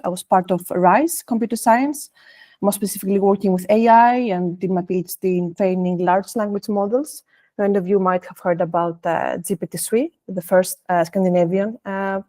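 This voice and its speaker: Woman giving a halting tech talk. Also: medium pitch, a little mellow, no room sound. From Greece. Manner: hesitant, many restarts and fillers. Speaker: presenter, senior data scientist. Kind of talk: technical presentation.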